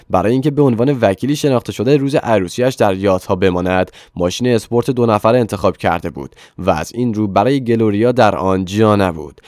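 A male narrator reads a novel aloud in a steady, even storytelling manner. His voice sits low and the recording is dry and close. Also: dry recording. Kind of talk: scripted audiobook narration.

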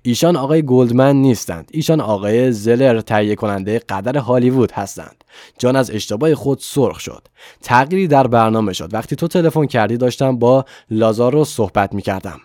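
A man narrating a novel as an audiobook, calmly quoting the characters in his own voice. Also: mid-range voice, no echo, clean studio sound.

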